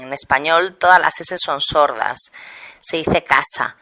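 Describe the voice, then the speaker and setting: Young Catalan-accented female teacher, bright voice, patient explanatory delivery for an online language class. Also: lowish voice, smooth. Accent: Catalan Spanish. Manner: explanatory, demonstrating pronunciations. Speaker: Spanish teacher.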